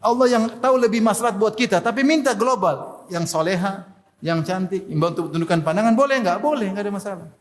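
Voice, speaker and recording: A man giving a sermon in a lively, joking teaching manner, now and then acting out prayers. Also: sits high, fast, in a large hall. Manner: humorous, lively teaching with jokes and acted prayers. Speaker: preacher.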